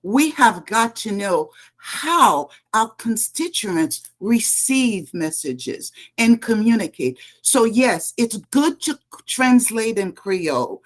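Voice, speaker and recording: A woman's voice: fairly high pitch, very animated, slow pace, hardly any pauses. A middle-aged woman from Haiti, a political candidate giving emphatic answers in a panel interview and laying out her points one by one. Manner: earnest, emphatic, lists points.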